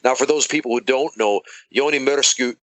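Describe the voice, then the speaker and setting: A man hosting a casual podcast, telling stories in an animated, emphatic way. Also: mid-range voice, a little fast, dry recording, poor audio. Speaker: podcast host.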